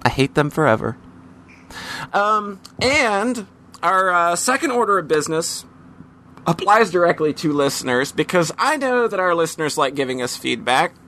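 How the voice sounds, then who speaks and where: A man chats as a podcast host, his voice bright and pitched a little high. He rambles loosely, filling gaps with ums and dropping casual swear words. A faint noise sits under the recording. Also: sing-song, normal speed.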